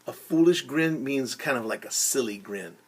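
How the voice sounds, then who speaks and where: With a husky, expressive voice of medium pitch, a man acting as a teacher performs a story for children, singing and explaining words along the way. He dramatizes shouts, whispers and sound effects, stopping to give simple definitions and encourage everyone to join in.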